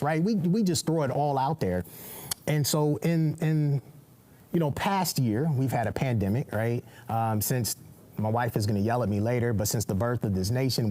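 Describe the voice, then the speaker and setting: A man's voice: mid-range voice, mellow. A man hosting a live-streamed discussion show, talking in a casual, emphatic way and often tagging his points with "right?".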